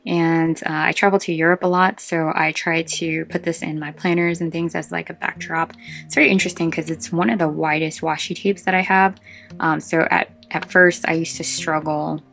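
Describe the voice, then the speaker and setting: A woman's voice: low-pitched, fairly even intonation, normal speed, gravelly, a bit bright, soft background music. A woman chatting casually and informally as a vlog host, short of breath, meandering through asides as she shows off a craft collection.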